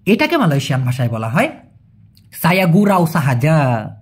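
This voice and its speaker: Husky, lively language teacher. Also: medium pitch. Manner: explains patiently, repeats words slowly, acts out everyday examples. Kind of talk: spoken language lesson.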